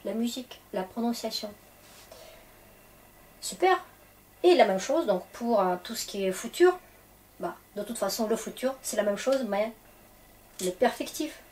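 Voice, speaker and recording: A woman's voice: on the high side, animated, a little slow, long pauses, a little mellow, slight background noise. A woman with a Russian accent teaching Russian grammar in French, explaining patiently and checking in often. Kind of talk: grammar lesson for French speakers.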